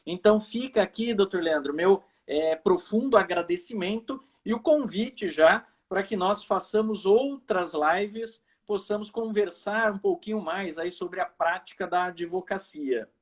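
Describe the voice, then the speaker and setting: Um professor de direito brasileiro apresentando uma live, falando de forma pausada e cortês. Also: male voice, high voice, breathy edge. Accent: Brazilian. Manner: measured, courteous. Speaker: host, law professor. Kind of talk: live video chat. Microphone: video call.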